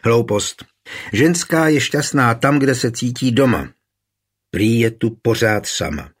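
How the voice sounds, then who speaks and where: A man's voice: medium pitch, animated, natural voice. A man voicing a fiery, blunt middle-aged noblewoman who scolds in a raised, heated voice, in an audiobook reading. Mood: impatient.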